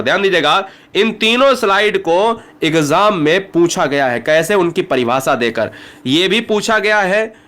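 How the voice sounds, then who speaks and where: A man with a Bihari Hindi accent teaching an exam-prep grammar lesson, speaking straight to his students and asking them quick rhetorical questions. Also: sits high, a bit bright. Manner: addresses students directly, asks rhetorical questions.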